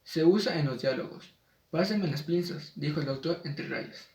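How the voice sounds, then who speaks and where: A man with a somewhat high voice reads a spelling lesson in a measured way. He slows down for the example words. He sounds a little off the mic, in an echoey room. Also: a little mellow, far from the mic. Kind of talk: reading a spelling lesson aloud.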